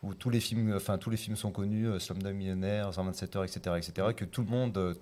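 A man talking casually about a film he picked, hesitant and halting. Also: low voice, steady tone, mellow. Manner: hesitant, many fillers and restarts. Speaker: co-host who picked the film. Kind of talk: casual chat about films.

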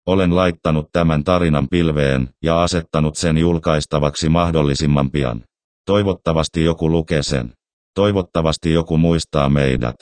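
A man reading a scary story aloud as narrator, in a steady, measured, somber way. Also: very deep voice, dry recording. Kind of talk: scripted horror story narration.

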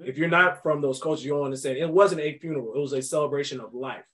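A young man hosts a casual podcast, emphatic and animated as he breaks down a film. His voice sits a little higher than most men's. He laughs easily between points. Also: fast talker. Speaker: podcast host. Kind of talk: casual movie discussion.

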